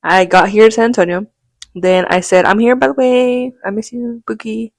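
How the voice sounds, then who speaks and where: A young adult woman co-hosting a podcast has a voice on the high side and a moderate pace, recorded with no echo. Animated and quick to laugh, she rambles through a story in casual chat and acts out the quotes.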